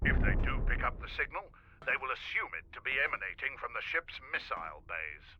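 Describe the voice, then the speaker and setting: An actor playing a loyal Mandalorian warrior officer in a video game, reporting formally in a military manner through radio-like processing. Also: male voice, mid-range voice, sing-song, brisk, highs cut off, noisy background, lightly acted. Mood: grave, dutiful.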